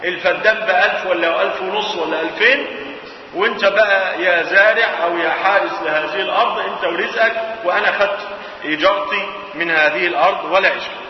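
Egyptian male professor, high voice, rhetorical questions to students, recorded from far off in a booming hall. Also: fast. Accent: Egyptian Arabic. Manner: asks rhetorical questions and answers them himself. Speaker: Islamic jurisprudence professor. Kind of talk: colloquial classroom lecture. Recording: echoey hall, far mic, dull, hiss.

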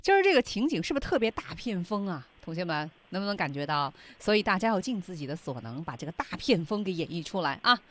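A woman's voice: on the low side, sing-song, fast talker, hardly any pauses. A woman hosting a radio English lesson, chatting with the teacher and prompting him along. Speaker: radio host. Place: radio studio.

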